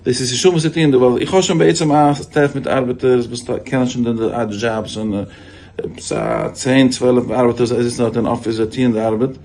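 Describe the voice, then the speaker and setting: A rabbi gives an animated storytelling sermon on faith in a mid-pitched voice that runs a little fast, with slight background noise. He restarts phrases again and again, and his voice jumps up whenever he quotes someone.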